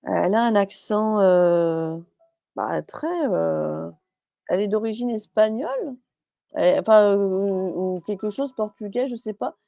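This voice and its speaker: A woman's voice: mid-range voice, a little slow, gravelly, dark tone, no room sound. A woman medium on a live stream, chatty and hesitant, with many fillers and restarts, relaying messages as quoted speech.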